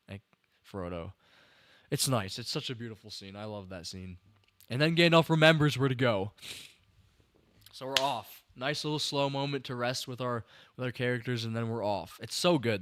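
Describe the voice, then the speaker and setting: A slightly tired young man, a podcast host livestreaming a film breakdown, gushes about a movie on a close, dry mic. His voice is fairly low and a bit bright. He rambles, restarts sentences and speaks directly to chat viewers with casual enthusiasm.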